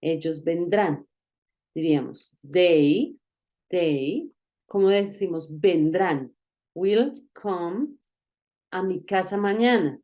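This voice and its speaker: Slow, mellow-voiced woman teaching English. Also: lowish voice. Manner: slows down to model English example sentences; asks the learner questions directly. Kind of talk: online grammar lesson.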